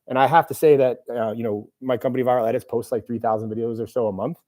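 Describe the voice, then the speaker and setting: Speaking at a quick pace with a steady, dark, medium-pitched tone, a man hosts a casual live-stream Q&A. He rambles and puts himself down, using lots of fillers, in a room where a camera operator is present.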